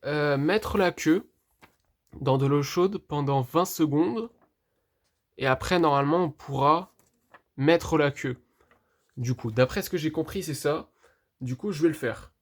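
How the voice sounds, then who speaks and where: A vlogger unboxing a toy figure in a casual, hesitant way, thinking aloud, talking straight to viewers and filling pauses with hesitations. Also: mid-range voice. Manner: hesitant, puzzled, fills pauses with "euh" and "du coup".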